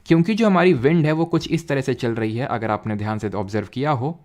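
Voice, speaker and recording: Give me a male teacher explaining geography at the board, repeating each key term, mid-pitched. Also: a little fast, darkish tone. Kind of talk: exam-prep geography lesson.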